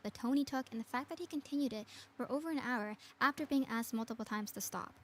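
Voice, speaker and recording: Woman with a pitched-up chipmunk voice. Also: fast talker, fairly bright tone, a little hiss or hum. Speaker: streamer giving a video statement. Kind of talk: prepared video statement.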